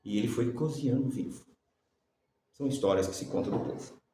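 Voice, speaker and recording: In a very echoey room, a man with a brisk, mid-range, dark-toned voice teaches a Bible lesson. He poses rhetorical questions and answers them himself, and he dictates letters for viewers to copy down.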